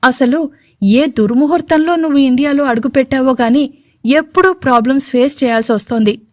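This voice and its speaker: A man's voice: extremely high pitch, brisk, no echo, studio quality. A woman voicing a worried, tearful middle-aged father in a storybook.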